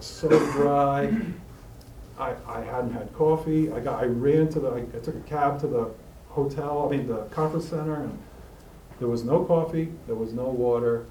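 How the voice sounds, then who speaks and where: A middle-aged man sharing his recovery story with a group, halting and rambling with many fillers and restarts, recorded in a meeting room. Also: mid-range voice, dark tone. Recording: roomy, distant mic with faint hiss.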